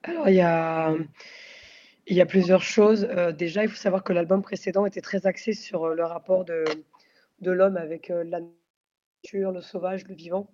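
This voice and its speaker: Woman singer talking it through slowly, lots of ums, kinda muffled recording. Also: lowish voice, steady tone, dark tone. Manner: thoughtful, searching for words with many fillers. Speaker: singer of a post-metal band. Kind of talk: interview answers.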